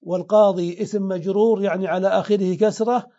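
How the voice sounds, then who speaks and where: A man's voice: high-pitched, fairly even intonation, quick pace, warm tone, highs cut off. A man teaching grammar in a classroom lesson, explaining step by step and answering his own questions.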